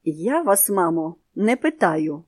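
A woman's voice: on the high side, big pitch swings, takes it slowly, a little mellow, pitched above the performer's own voice, full character voice. Stern bear headmaster, impatient and curt, voiced by a woman reading aloud. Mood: angry. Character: stern gruff bear school director.

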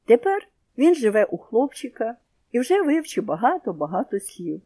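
Lively woman reading a children's story. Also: on the high side, moderate pace. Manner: expressive storybook reading with comprehension questions.

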